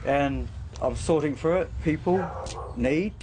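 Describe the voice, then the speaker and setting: Rambling New Zealand man, slightly high voice. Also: slow pace. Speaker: interviewee showing his home and pets. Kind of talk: casual rambling chat. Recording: noisy amateur on-location video recording.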